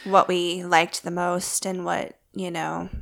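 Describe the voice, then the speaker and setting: A woman's voice: lowish voice, little pitch movement, slow, gravelly. A woman co-hosting a podcast, chatting casually and explaining details at length. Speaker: podcast co-host. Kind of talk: casual chat.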